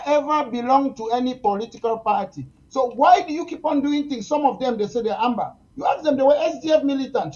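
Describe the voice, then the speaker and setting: A man's voice: very high voice, mellow, lo-fi sound. A man from Cameroon, a political guest pressing his points insistently in a heated talk show debate.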